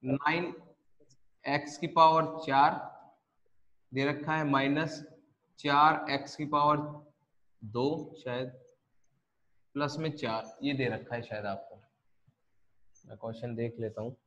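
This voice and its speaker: A man's voice: mid-range voice, fairly even intonation, slow pace, long pauses, a bit bright, dull audio. A man teaching a math lesson online, explaining step by step and often asking the class questions he then answers himself.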